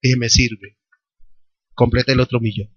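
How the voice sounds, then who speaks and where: Preaching in a church hall, this man, a pastor with a Colombian Spanish accent, recounts a personal testimony complete with quoted dialogue, then turns to fervent call-and-response questions for the congregation. His mid-range voice is level, slightly rough, at a normal speed. The church recording is dry with the highs cut off, and loud worship music plays.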